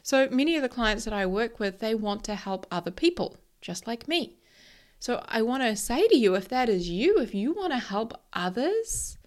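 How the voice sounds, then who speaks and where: A woman's voice: mid-range voice, darkish tone. A woman with a broad New Zealand accent giving a casual motivational talk as a coach, telling personal stories in an emphatic, sweary, informal way and often checking in with the listener. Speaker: mindset coach and presenter.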